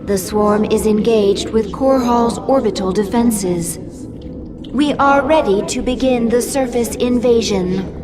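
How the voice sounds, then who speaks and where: A woman's voice: fairly high pitch, unhurried, music in the background, lightly acted. An actress playing a dutiful alien servant in a game, formally reporting to her queen with composure. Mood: composed.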